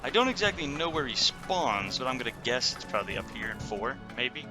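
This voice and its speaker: A man's voice: medium pitch, very animated, a little fast. Man doing casual gaming commentary over music. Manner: frequent casual swearing, opinionated. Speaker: gaming video host. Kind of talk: casual game commentary over live play.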